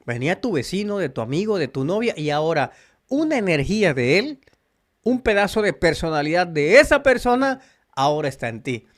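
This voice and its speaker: This man from El Salvador runs a spiritual channel and preaches earnestly right at his audience, his Salvadoran Spanish accent clear. His voice is on the high side with big pitch swings, and he speaks briskly.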